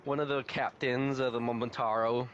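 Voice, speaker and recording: A young male podcast host casually recaps an anime plot, giggling and laughing often as he retells scenes. His medium-pitched voice has a flat delivery at a normal speed. The recording is muffled, with a little hiss or hum.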